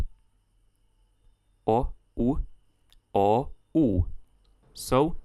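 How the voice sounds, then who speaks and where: A man's voice: medium pitch, no room sound. A man giving a tutorial as a language tutor, explaining things steadily, step by step.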